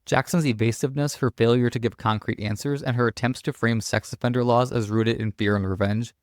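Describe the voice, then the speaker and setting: A man's voice: mid-range voice, steady tone, fairly quick, no echo, studio quality. A man reading scripted political commentary as a narrator, opinionated and declarative.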